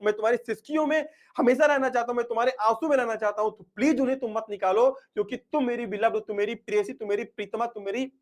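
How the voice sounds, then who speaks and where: A man's voice: very high voice, steady tone, fast talker, hardly any pauses. A man acting out a young lover who tenderly begs his beloved not to cry at their parting. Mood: tender pleading. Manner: tender, pleading, earnest.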